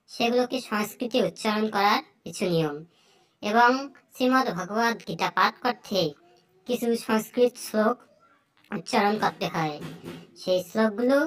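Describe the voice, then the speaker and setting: A young speaker teaching Sanskrit pronunciation, speaking slowly and saying each example word several times. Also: medium pitch, fairly bright tone.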